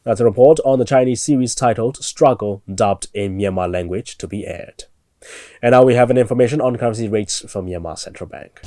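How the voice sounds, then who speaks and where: Mellow, low-pitched male news presenter. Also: no room sound, clean studio sound. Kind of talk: scripted news reading.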